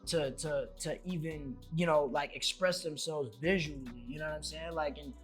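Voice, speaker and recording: A man's voice: a little high, normal speed, soft background music. A young man from Long Beach, California, a rapper guest in a casual interview, earnest and rambling, often saying "you know what I'm saying".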